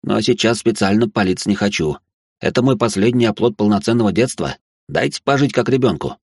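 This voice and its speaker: A man's voice: on the low side, expressive, brisk, a little mellow, husky, no room sound, studio quality. A man narrating a novel in first person, with a wry, conversational inner monologue. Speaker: audiobook narrator.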